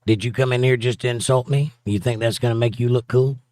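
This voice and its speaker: This is a casual livestream chat in which a man with a Southern accent reads out comments from viewers, teasing them and laughing often. He talks fairly quickly in a mellow, mid-range, steady voice, captured cleanly in the studio without echo.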